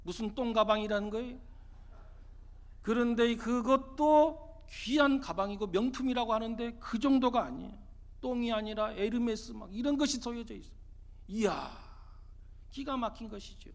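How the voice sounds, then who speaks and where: A man preaching as pastor, telling a story in an animated, dramatic way with emphatic exclamations. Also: very high voice, moderate pace, creaky. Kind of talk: sermon with storytelling.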